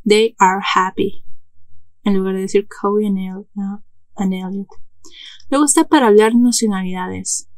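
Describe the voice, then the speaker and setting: A woman teaches English in a slow, patient recorded lesson. She repeats every example and corrects her own slips along the way. Her voice sounds dry and close, with no room echo. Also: medium pitch, steady tone. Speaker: English instructor. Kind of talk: recorded online language lesson.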